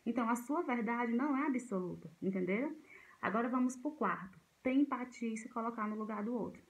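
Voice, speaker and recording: A woman's voice: a little high, a little fast, rough recording. A woman giving an informal talk to parents about raising children, speaking conversationally with frequent fillers and restarts. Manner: conversational, repeats herself, many fillers and restarts. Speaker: parenting educator.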